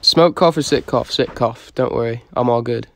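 Speaking at normal speed in a medium-pitched, fairly bright voice, a young man from Dublin, Ireland, casually fields livestream comments with laid-back slang. He talks into a phone held near his face.

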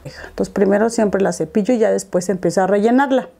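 Young woman, mellow voice, chatty makeup vlogger explaining each step. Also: medium pitch, brisk, creaky. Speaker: beauty vlogger. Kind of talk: makeup tutorial chat.

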